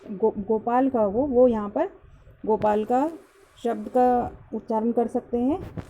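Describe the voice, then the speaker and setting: Woman teacher, slow and mellow, explains a text line by line and repeats each phrase. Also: mid-range voice, slight background noise, poor audio.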